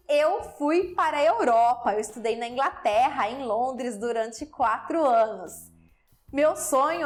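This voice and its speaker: A Brazilian woman who teaches English, speaking to viewers in a lively, chatty way. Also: high voice. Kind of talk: explaining to viewers.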